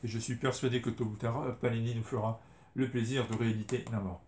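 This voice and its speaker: A middle-aged man from France hosting a casual comics review, rambling along with plenty of fillers and quick self-corrections. His voice sits at an ordinary pitch. It is recorded in a roomy space with a light hiss of ambience behind it. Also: fairly even intonation, darkish tone. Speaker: comics video host. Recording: roomy echo, faint ambient noise.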